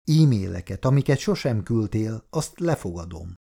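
A man reading a fragile, unstable woman in an audiobook, speaking in a hushed, low way. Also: big pitch swings, creaky, slightly rough, exaggerated voice. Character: fragile, unstable woman confiding secrets to her husband.

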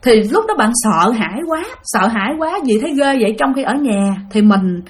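A woman's voice: a little high, animated, moderate pace. A woman telling a listener's ghost story, acting out the quoted voices as she goes. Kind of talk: spoken ghost-story narration.

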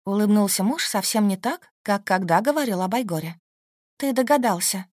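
A woman reading a first-person audiobook in a lively, intimate, wry way. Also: medium pitch, fairly quick, no room sound, studio quality. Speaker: audiobook narrator.

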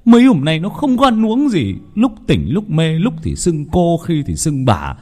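A man's voice: medium pitch, big pitch swings, normal speed, mellow, breathy edge, voice pushed up. A man voicing a frightened middle-aged husband who pleads anxiously and rambles on about his wife. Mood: frightened, pleading.

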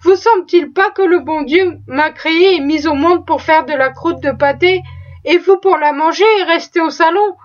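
Woman reader as a talkative, pious cook with a high voice, folksy and full of exclamations, on a dull lo-fi recording. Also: normal speed. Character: proud, chatty, pious female cook.

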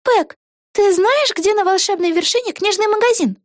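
A woman voicing an excitable young girl witch in a storybook, talking fast and exclaiming eagerly in a very high voice. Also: dry recording, clean studio sound.

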